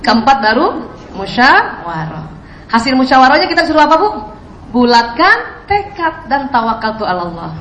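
High-voiced woman preaching in an echoey hall. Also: very animated, moderate pace, fairly bright tone, muffled recording, a little hiss or hum. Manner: questions the audience. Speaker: Islamic preacher. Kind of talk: sermon to women.

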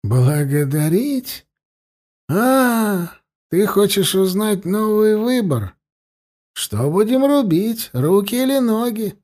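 A smug, icy priest speaks down to his captive in a lifted, thin register, as a man reading the story puts him on. He draws out his words slowly and mockingly. It is a dark fantasy audiobook scene. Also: high-pitched, big pitch swings, voice pushed up, heavily acted. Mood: cold mocking. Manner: cold, mocking and condescending. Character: cold, smug middle-aged male priest and torturer.

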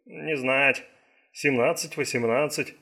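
A man voicing a menacing male stranger who speaks in broken, halting phrases, in an audiobook thriller. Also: a little high, animated, sharp tone, heavily acted.

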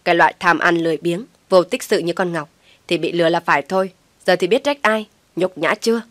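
A woman's voice: lowish voice, steady tone, fast talker, a bit bright, dry recording, natural voice. A woman voicing a spiteful, mocking young daughter-in-law who speaks with scorn. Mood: sneering. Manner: sneering, scornful.

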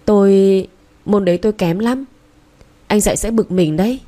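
A woman's voice: mid-range voice, fast talker, warm tone, close to an everyday voice. A woman reading the lines of a shy, hesitant young woman who doubts herself, in an audiobook.

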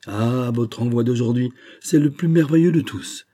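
A man voicing an effusive, flattering middle-aged male bank sub-director in an audiobook reading. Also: mid-range voice, normal speed, voice pushed up, natural voice. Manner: gushing, emphatic, flattering.

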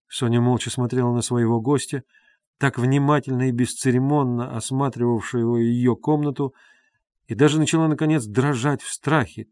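A man narrating a classic novel in measured, even scripted narration. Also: mid-range voice, dry recording, studio quality. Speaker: audiobook narrator.

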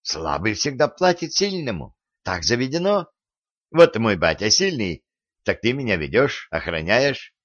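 In an audiobook, a man voices an arrogant, quarrelsome teenage boy, speaking haughtily and sharply and raising his voice. His medium-pitched, fairly bright voice swings widely in pitch at an unhurried pace. The recording is dry, dull and lo-fi.

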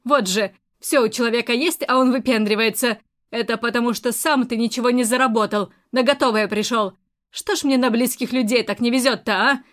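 A woman's voice: a little high, steady tone, brisk, fairly bright tone, lightly acted. A woman reading the part of a scornful, domineering aunt who mocks the people she talks to. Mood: mocking. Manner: mocking, scornful. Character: sharp-tongued older aunt, mocking and domineering.

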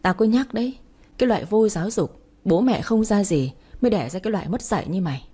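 A spiteful, scheming mother-in-law from an audio story, scolding in a shrill, insulting voice, as a woman narrator puts her on. The tone is dark and husky. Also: expressive, fast. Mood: scornful.

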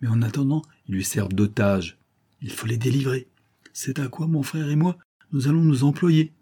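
Man voicing a scheming adventuress, falsely gentle, coaxing, raised voice, husky. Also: medium pitch, moderate pace, pitched above the performer's own voice. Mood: persuasive. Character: scheming female adventuress, sweet-talking and false.

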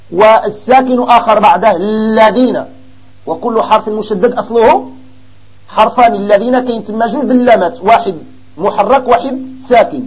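A man with a Moroccan accent teaching an Arabic grammar lesson to a class, explaining slowly and quizzing his students. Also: very high voice, darkish tone, lo-fi sound. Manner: explains slowly, asks the class questions, mixes in dialect.

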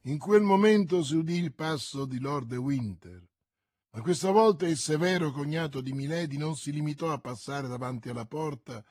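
Male audiobook narrator, measured theatrical reading, husky, dry close recording. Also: on the high side, darkish tone, no room sound. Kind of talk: dramatic literary audiobook reading.

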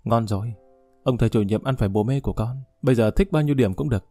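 A man's voice: medium pitch, fast talker, warm tone, no echo, soft background music, lightly acted. A man reading as a spoiled, wheedling daughter. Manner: coaxing and cheeky.

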